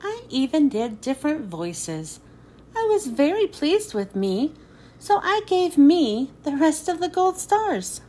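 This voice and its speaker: A woman reading a children's picture book aloud in an expressive storytelling manner, then thanking her listeners. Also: sits high, takes it slowly, a little hiss or hum.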